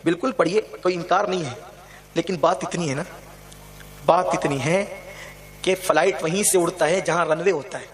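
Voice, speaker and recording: High-voiced fervent male preacher. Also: pauses often, a little hiss or hum. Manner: impassioned, rhetorical questions to the audience. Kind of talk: devotional sermon with storytelling.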